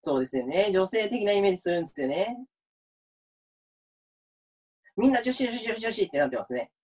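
A male lecturer teaching an online class, his pitch swinging lively between high and low. His voice is a little husky and unclear through a computer mic. He keeps it chatty, picking up viewer comments as he goes. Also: racing. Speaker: university lecturer.

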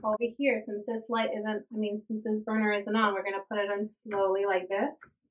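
In poor audio, a young woman's mid-range voice comes across monotone and fairly quick, even as she chats enthusiastically and casually with viewers while cooking in her home kitchen. She's a cooking vlogger, young adult, and her camera on a stand is close when she speaks and set a bit further back at the stove.

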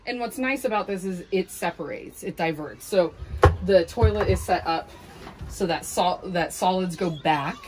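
Woman, outdoor tour guide, relaxed, filler words, slightly low voice. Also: moderate pace, heavy background noise. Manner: relaxed, many "like" and "you know" fillers. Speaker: school owner giving a tour. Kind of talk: casual explaining.

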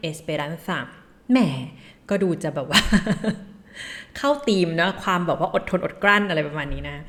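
Female Spanish tutor from Thailand, lower voice, unhurried, chatty lesson delivery. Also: sharp tone. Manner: chatty, laughs at own slips, reads phrases slowly. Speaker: Spanish teacher. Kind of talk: casual language lesson.

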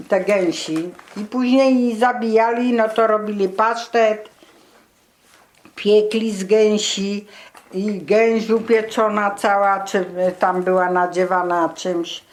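A woman's voice: medium pitch, steady tone, slow. An elderly woman reminiscing casually as a grandmother, explaining things in a colloquial, matter-of-fact way. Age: 70s or older. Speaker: grandmother being interviewed.

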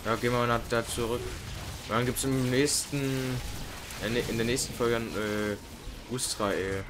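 A man's voice: medium pitch, steady tone, unhurried. A man casually commenting on co-op gameplay in colloquial, slangy talk. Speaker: let's player. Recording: game battle noise behind.

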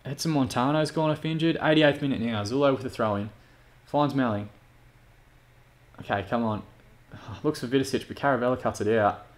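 A man's voice: mid-range voice, moderate pace. Sweary frustrated man gaming. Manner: frustrated, sweary, exasperated outbursts. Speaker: gaming YouTuber. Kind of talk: football manager game commentary.

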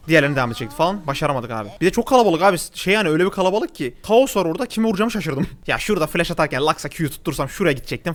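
A young man speaking with a Turkish accent, giving chatty live gameplay commentary as a gaming YouTuber, exclaiming at the game and his viewers. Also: fairly high pitch. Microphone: desk mic at a gaming setup.

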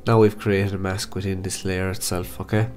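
A man with a blocked-up, nasal voice from hay fever, calmly talking through a software photo-editing tutorial step by step. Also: low voice, moderate pace, soft background music. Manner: calm step-by-step instructions. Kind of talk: screen-recorded software tutorial.

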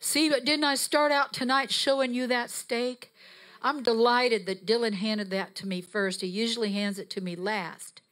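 Her voice sits on the high side, a bit bright, with a steady tone and moderate pace. She is the guest preacher at a mid-sized indoor church sanctuary, walking the stage with a handheld mic and delivering a fervent, emphatic sermon that rises to exhortation.

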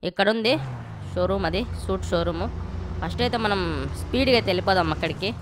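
A young woman talks over her gameplay at a rapid clip. She is rowdy and playful and swears freely. Her pitch sits in the middle range, and a faint hiss is heard under her voice. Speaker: gaming channel host. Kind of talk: casual gameplay commentary.

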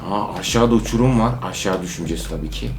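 A man giving excited let's-play commentary on a horror game, joking as a worried father and repeating words in bursts. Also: low-pitched, fast talker, vocal fry, roomy sound, slight background noise. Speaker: gamer playing a horror obstacle game.

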